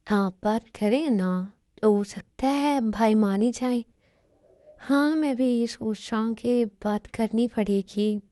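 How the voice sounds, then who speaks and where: A worried older brother reasons calmly and persuasively in a mellow, fairly high voice, as a woman narrator plays him. Close, dry sound, an amateur fan-dub story. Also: no echo, close to an everyday voice. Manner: calm and persuasive.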